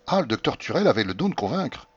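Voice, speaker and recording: A man reading a classic novel aloud as an audiobook narrator, with expressive storytelling delivery. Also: medium pitch, fast talker, husky, dry recording. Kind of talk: scripted literary narration. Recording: dull lo-fi audio.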